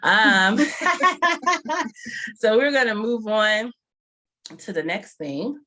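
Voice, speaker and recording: A woman hosting a casual interview, playful and quick to laugh, repeating lines for emphasis. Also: a little high, expressive, sharp tone. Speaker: host.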